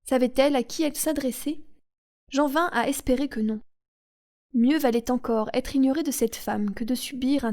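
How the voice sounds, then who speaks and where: A woman reading a novel aloud in a calm, soothing audiobook narration. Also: a little high. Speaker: audiobook reader.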